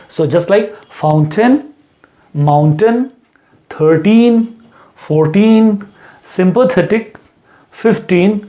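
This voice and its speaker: A man teaching English pronunciation, repeating example words slowly and deliberately. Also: on the high side, warm tone. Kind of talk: lesson with slow drilled examples.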